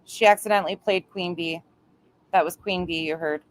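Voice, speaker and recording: A woman's voice: fairly low pitch, fairly even intonation, moderate pace, crowd noise. A woman hosts a casual livestream from home and chats with her viewers. She teases, mocks and swears freely as she talks. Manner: chatty, mocking, swears freely. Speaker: livestream host.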